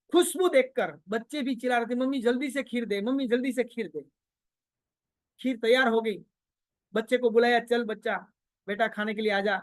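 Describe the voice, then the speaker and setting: Male motivational trainer with a high voice, recorded dry and close; keeps quizzing the room and swings between loud and quiet. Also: dry recording. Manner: quizzes the audience with repeated questions. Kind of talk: motivational seminar talk.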